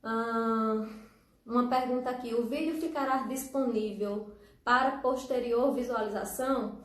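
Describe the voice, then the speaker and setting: A woman's voice: on the high side, fairly even intonation, a little slow. A woman hosting a casual live stream as a teacher. She is chatty, laughs often and talks straight to her viewers. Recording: echoey room, far from the mic.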